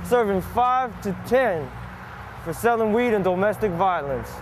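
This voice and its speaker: A man's voice: sits high, lively intonation, measured pace. A man playing a regretful small-time convict giving a testimonial in an infomercial parody, recorded outdoors by a noisy road. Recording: noisy outdoor roadside with traffic.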